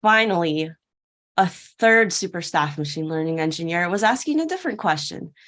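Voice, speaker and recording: At a tech conference, a woman gives a prepared keynote framed as a fairytale parable, her lowish voice animated, a bit bright, and moderately paced. She tells it playfully, raising questions and then answering them.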